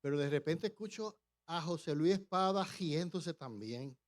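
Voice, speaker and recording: Preacher telling a testimony. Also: male voice, fairly high pitch, animated. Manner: storytelling, halting restarts, acts out voices. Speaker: pastor. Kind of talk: testimony sermon. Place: church.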